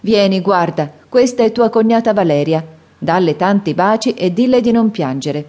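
A woman's voice: mid-range voice, expressive, moderate pace, warm tone, voice pushed up, natural voice. A woman voicing a middle-aged mother who coaxes her daughter kindly, in a storybook reading. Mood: coaxing. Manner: coaxing.

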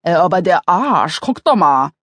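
A woman's voice: fairly low pitch, sing-song, moderate pace, dry recording. A woman voicing a smitten, pushy man who keeps pleading with a stranger. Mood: coaxing. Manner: wheedling, persuasive. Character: pushy middle-aged male john, smitten.

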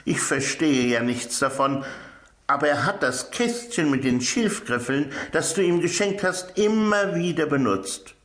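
Guy reading a proud peasant mom, eager, lively voice, roomy echo. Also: a little high, unhurried. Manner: eager, interjecting. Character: humble, proud peasant mother. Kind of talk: children's audiobook character voice.

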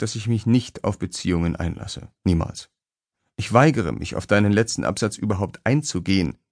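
Brief: male audiobook narrator, lowish voice, dry sardonic first-person read, no room sound. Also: a little mellow, no echo. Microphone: close studio mic.

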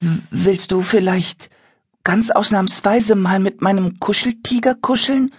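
A man voicing a curious, eager little boy in a children's audiobook, coaxing and lively. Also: high-pitched, unhurried, slightly rough, no room sound, clean studio sound, pitched above the performer's own voice. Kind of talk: audiobook character voice.

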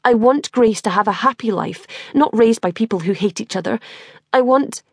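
A woman's voice: on the high side, normal speed, breathy edge, no echo. A woman voicing an exasperated, blunt young mother who swears freely, in an audiobook.

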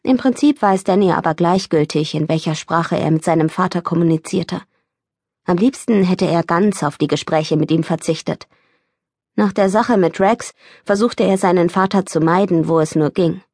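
A woman reading an audiobook in steady, measured scripted narration, recorded close in a studio. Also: fairly low pitch, no room sound. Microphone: studio microphone, close.

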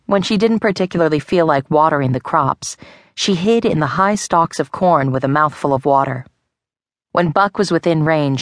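Low-voiced woman reading a kids' story. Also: no echo, studio quality. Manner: lively, expressive storytelling. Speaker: audiobook narrator. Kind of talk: children's audiobook narration. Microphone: close studio mic.

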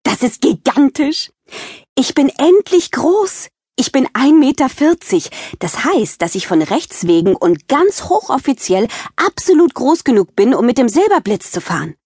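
A woman voicing an excitable ten-year-old girl who pleads and bubbles over in an audiobook. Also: high voice, extremely slow, slightly rough, no echo, clean studio sound, pitched above the performer's own voice, full character voice. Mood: eager. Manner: eager, pleading, bouncy.

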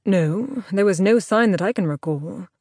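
A woman voicing a calm, charming English man with a clipped English accent. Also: medium pitch, moderate pace, husky, dry recording, clean studio sound. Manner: clipped, composed. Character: English gentleman with a deep baritone, calm and charming.

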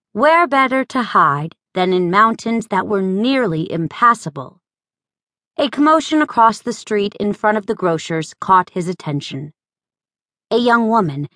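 Slow, measured woman audiobook narrator. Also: mid-range voice, bright, forceful tone, no echo, studio quality. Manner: measured, unhurried reading.

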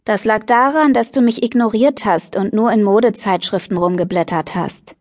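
A woman's voice: medium pitch, moderate pace, a little mellow, no room sound, lightly acted. Cool know-it-all schoolgirl, read by a woman. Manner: cool, dry and lecturing. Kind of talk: audiobook character reading.

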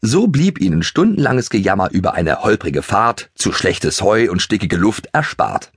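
A man with a low, husky voice narrates a children's audiobook. His telling is lively and expressive, with wide swings in pitch. The sound is dry and close. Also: moderate pace, dry recording.

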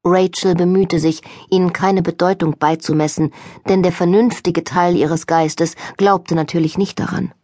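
A woman narrating an audiobook in a calm, measured storytelling manner. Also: fairly low pitch, dry recording, clean studio sound.

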